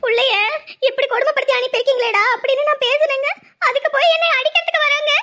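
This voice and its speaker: A woman's voice: very high voice, fairly even intonation, fast talker, sharp tone. A woman in a scripted family drama, pleading and fearful as a wife and mother, with a Tamil accent.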